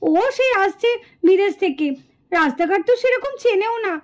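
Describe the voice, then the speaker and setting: Brief: woman doing a very high, chatty village neighbor for a puppet cartoon. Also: lively intonation, moderate pace, a little hiss or hum. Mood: fretting. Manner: chatty, reminiscing. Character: chatty elder sister figure, village neighbor.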